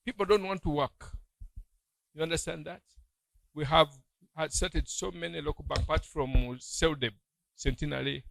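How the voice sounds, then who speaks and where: Gravelly bishop preaching call-and-response. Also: male voice, fairly high pitch, fairly bright tone, no echo, low-quality recording. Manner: call-and-response, leaves sentences open for the audience to finish. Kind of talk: sermon teaching.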